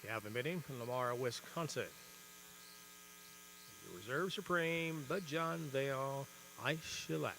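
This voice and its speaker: A man's voice: mid-range voice, a little slow, gravelly, pauses often, background noise. A man announcing livestock show champions at ringside, formal in tone and drawing out the winners' names for emphasis.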